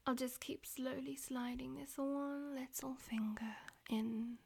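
A woman voicing a dominant, teasing female demon in an audio roleplay, speaking mostly in breathy, domineering whispers. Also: sits high, steady tone, slow pace, darkish tone, full character voice.

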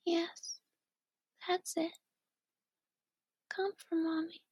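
A woman whispering softly in a slow, coaxing and doting ASMR roleplay. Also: very high-pitched, little pitch movement, dry recording, studio quality. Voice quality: soft breathy whisper.

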